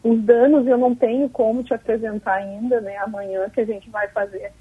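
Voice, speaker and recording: Woman, mayor, crackly cordless phone sound, husky voice, tinny line. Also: a little high, level tone. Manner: halting, repeats words. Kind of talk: phone interview.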